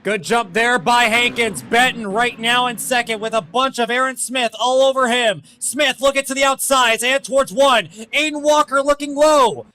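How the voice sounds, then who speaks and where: A man giving live play-by-play as a motorsport commentator, calling the action in excitable, clipped phrases. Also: extremely high pitch, normal speed, few pauses, low-quality recording. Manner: excitable, clipped running calls.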